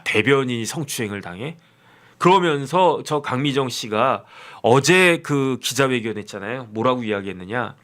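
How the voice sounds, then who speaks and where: A middle-aged man hosting a commentary channel, talking casually and acting out quoted voices in an animated way. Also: medium pitch. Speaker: lawyer and commentary channel host.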